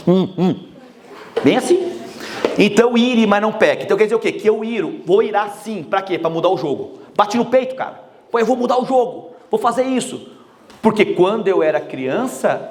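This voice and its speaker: A man giving a motivational talk, energetic and joking, speaking straight to the audience. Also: sits high.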